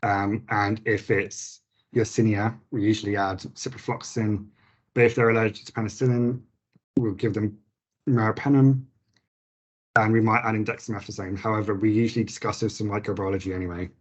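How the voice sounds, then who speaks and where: In an informal clinical teaching session for nurses, a man talks with a slightly croaky, fairly low voice that barely moves in pitch. He's brisk, full of fillers and restarts, and the audio sounds dull.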